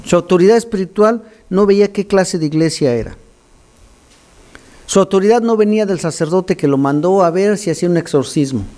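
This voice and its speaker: A man preaching an animated, teaching sermon to his congregation. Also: high voice, a little fast. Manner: animated, teaching, scolds listeners for distracting him. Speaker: pastor.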